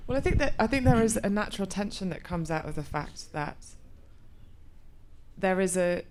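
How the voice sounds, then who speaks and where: A woman's voice: mid-range voice, lively intonation, moderate pace, noisy background. A woman in her forties being interviewed about her acting work, thoughtful and often restarting as she searches for words. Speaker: actor, interview guest. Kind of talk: conversational interview.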